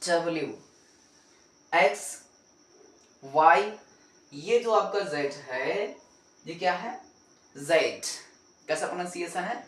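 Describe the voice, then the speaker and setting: A man leads a pronunciation lesson at a slow, deliberate pace. He asks his own questions, answers them, and repeats each sound several times. His voice carries a roomy echo from a mic set well away from him. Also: high voice, a bit bright, recorded from a distance. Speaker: English teacher. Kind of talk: classroom-style pronunciation lesson.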